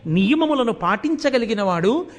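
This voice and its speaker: High-voiced man giving a devotional discourse. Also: normal speed. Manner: animated, rhetorical questions, chanted verse. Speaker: spiritual discourse speaker.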